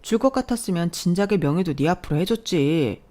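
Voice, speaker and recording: A woman's voice: fairly low pitch, expressive, brisk, close to an everyday voice. A woman voicing an angry young husband who talks down and bullies in a storybook drama. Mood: scornful. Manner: shouting, insulting, bossy. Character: angry young adult husband, blustering, scornful.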